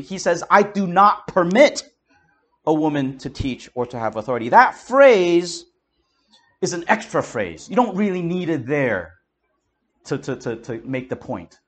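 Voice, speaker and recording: A man's voice: on the high side, big pitch swings, moderate pace. A man preaching, explaining Scripture verse by verse in an emphatic, conversational way. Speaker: pastor. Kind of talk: expository Bible teaching.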